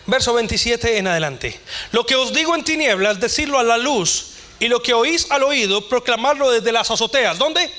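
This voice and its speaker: A male pastor delivers a sermon in a church. His voice sits high and rings bright as he quotes scripture and voices imagined speakers, building in intensity as he preaches. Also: lively intonation, moderate pace.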